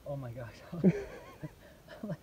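A man's voice: mid-range voice, takes it slowly. A bowhunter talking outdoors in breathless, awed bursts, repeating his exclamations. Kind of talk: excited field chatter. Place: outdoors in open country. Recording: loud music over the voice.

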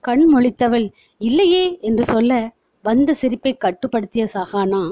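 Woman narrator reading a novel, fairly high and mellow voice; dull, dry recording. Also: normal speed, no echo.

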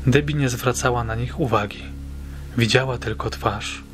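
A man narrating a short horror story as an audiobook reader, in a measured, suspenseful storytelling manner. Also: mid-range voice, fairly bright tone. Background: faint background music.

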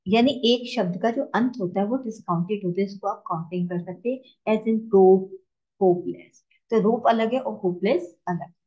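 A woman English teacher giving a lecture, explaining in Hindi and reading English lines out slowly. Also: mid-range voice, mellow, dull audio. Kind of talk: classroom lecture.

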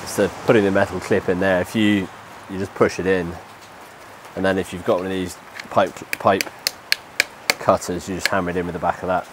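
This DIY vlogger, a man in his thirties with a cold-clogged nose, speaks in a low, level voice at a slightly fast clip. He gives a casual how-to walkthrough while working under an outdoor shelter during rain. A lapel mic picks him up over soft rainfall.

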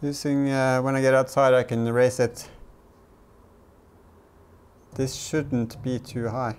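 Taking it slowly, a car DIY vlogger in his thirties offers hesitant, casual hands-on commentary while working in a garage workshop and in the back of a car. His mid-range voice barely shifts in pitch and is a little mellow, clear and resonant.

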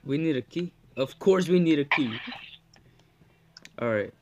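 A man's voice: on the high side, lively intonation, unhurried, dull audio, background noise. A young man casually commentating a horror game with a friend, as a scared, jumpy streamer who exclaims a lot.

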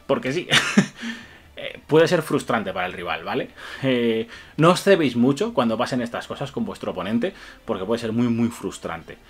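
A man with a fairly bright, mid-range voice and a breathy edge eagerly breaks down tabletop wargame rules to camera. He chuckles often and peppers his explanations with "eh" and "vale," and the sound is like a webcam at a desk in a small room.

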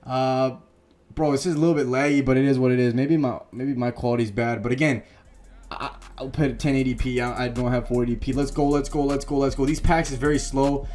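A YouTube gaming creator in his late teens rambles casually while reacting to a pack opening, packed with slang and filler words. His medium-pitched, steady, slightly mellow voice moves a little fast and is wearing thin as he loses it.

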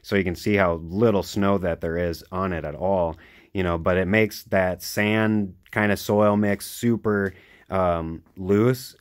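A young man casually narrating his homestead work outdoors, rambling and eager, with lots of "you know" fillers. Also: sits low. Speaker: homesteader vlogger.

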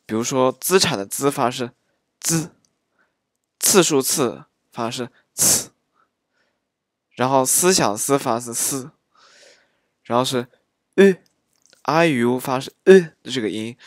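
A man teaching dialect pronunciation, speaking slowly with frequent pauses and filler sounds. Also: mid-range voice, animated, no echo, clean studio sound. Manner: slow, halting, many filler sounds. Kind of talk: pronunciation lesson.

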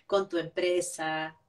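Woman, guest, reflective spiritual talk, slow, lowish voice, off-mic. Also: level tone, far from the mic. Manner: measured, adds questioning tags after each point. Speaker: interview guest.

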